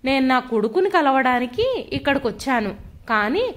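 A woman's voice: sits high, very animated, moderate pace. A woman voicing a tearful elderly father from a village who begs his son for help. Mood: pleading. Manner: tearful, begging.

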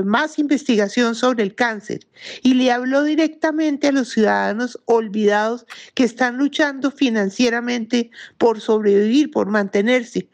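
A middle-aged woman giving spoken news commentary to camera in a studio, measured and conversational, with the odd filler. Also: on the high side. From Colombia.

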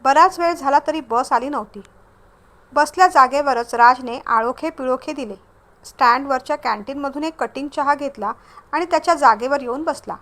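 A woman storyteller reading a story aloud in a calm, even way. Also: high-pitched. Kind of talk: scripted story narration.

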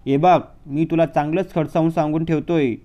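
A man reading an audiobook who voices a bullying middle-aged uncle, loud and threatening. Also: fairly high pitch, fairly even intonation, normal speed, lightly acted. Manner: threatening, barking.

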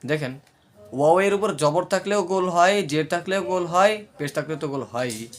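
High-voiced Bengali teacher drilling Arabic sounds. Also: male voice, animated, a little fast. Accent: Bangladeshi Bengali. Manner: repeats drills, chants syllables loudly, checks understanding. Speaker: Quran recitation teacher. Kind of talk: teaching Arabic letter pronunciation.

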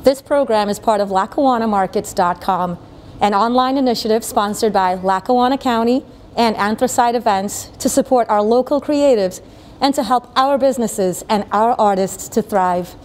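A woman's voice: on the high side, moderate pace, darkish tone. A woman hosting an interview in a studio, upbeat and welcoming as she introduces and questions her guest. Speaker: host. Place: dim studio with armchairs.

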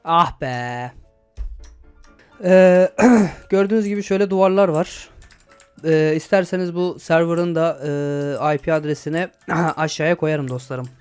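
An excitable young man commentating his own gameplay, with a voice a little higher than most men's. He talks casually, swears and shouts at the game when things go wrong. Faint music plays under his voice. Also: a little slow, clean tone. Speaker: gaming YouTuber.

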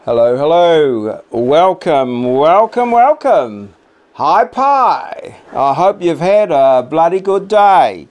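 A middle-aged man with a New Zealand accent, chatting casually to camera in a halting, laconic, blokey way. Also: a little high, darkish tone. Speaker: vlog host. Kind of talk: casual chat to camera while eating. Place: small cluttered home office, indoors.

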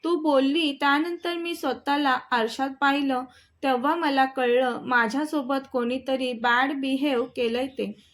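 A woman voicing a loving young husband who pleads earnestly in a low voice. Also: fairly even intonation, measured pace. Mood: pleading.

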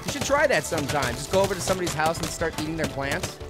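A young man gives goofy, jokey gameplay commentary over loud video game music, his voice a little high, very animated and very fast. He's slightly hoarse from losing his voice, yet casually bursts into sudden loud yelled shouts.

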